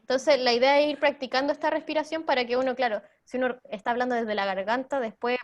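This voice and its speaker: A young Chilean woman presenting a theater workshop, explaining voice technique in a lively way and laughing easily. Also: sits high, fast talker, highs cut off. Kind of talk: online workshop talk.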